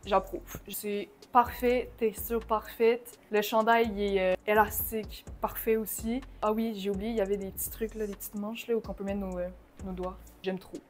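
A woman's voice: medium pitch, moderate pace, hardly any pauses. A young woman with a Québécois French accent chatting casually through a shopping haul vlog, slipping in English slang and swears. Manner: bursts of excitement. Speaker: vlogger.

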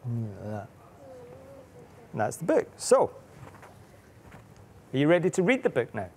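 A man's voice: mid-range voice, wildly swooping pitch, slow, gravelly, darkish tone, slight background noise. Playful man reading to kids. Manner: playful, asks children many questions. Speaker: author and illustrator reading to children. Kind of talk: reading aloud to children.

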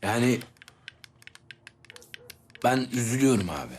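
A young man playing an earnest, wry young soldier in a TV series, deadpan and ironic, with faint music behind. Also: mid-range voice, unhurried, slight background noise. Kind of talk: TV series acting.

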